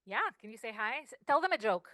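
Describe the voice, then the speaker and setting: A woman with a Greek accent talks to a meetup audience in a classroom, energetic and conversational. She keeps checking in with the room. The sound is close and dry. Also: fairly high pitch, quick pace, no room sound. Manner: animated, checks in with 'right?' and 'okay?'. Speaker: guest speaker. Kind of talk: fireside chat with live demos.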